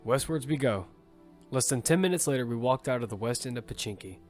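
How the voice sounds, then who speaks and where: In this audio fiction, a man narrates in grim first person as a battle-hardened survivor who leads his team. His mid-range voice is expressive and a little fast, lightly acted, with a steady mood over background music.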